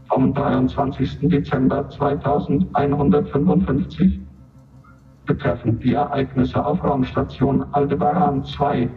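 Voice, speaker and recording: In a radio drama, a male actor with a mid-range voice plays an impersonal official who reads reports and a roll call through a radio-like filter. His announcements are formal, clipped and matter-of-fact. The sound is tinny, narrow-band and distant, with music behind it.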